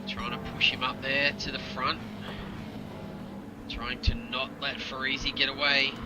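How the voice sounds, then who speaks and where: A man giving excitable play-by-play as a motorsport commentator during live racing. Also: medium pitch, measured pace, over music. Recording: loud engine and vehicle noise behind. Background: loud car and vehicle noise.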